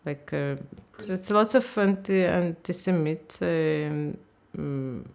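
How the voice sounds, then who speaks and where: A Ukrainian language teacher in her fifties is interviewed in English, speaking candidly but haltingly and often searching for words. Her voice sits low and is gravelly with a somewhat dark tone.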